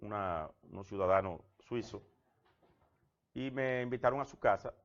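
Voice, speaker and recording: The recording is muffled as a man from the Dominican Republic, appearing as a guest on TV, tells personal stories with frequent restarts. A government labor official with a Dominican Spanish accent, he speaks at a moderate pace in a fairly low voice.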